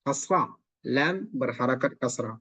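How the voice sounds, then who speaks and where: A man teaching Quran recitation in an online class, patiently correcting students and modeling each sound slowly. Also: medium pitch, animated, bright, forceful tone, slightly rough, no echo, lo-fi sound. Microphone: video call.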